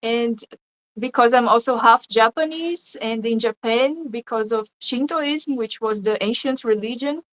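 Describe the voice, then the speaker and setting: Brazil-born woman, kinda high voice, guest on a call, thoughtful, lots of ums and likes. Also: unhurried, a bit bright, low-quality recording. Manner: reflective, hesitant with many ums and likes. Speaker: shamanic healer guest. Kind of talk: casual interview over a call.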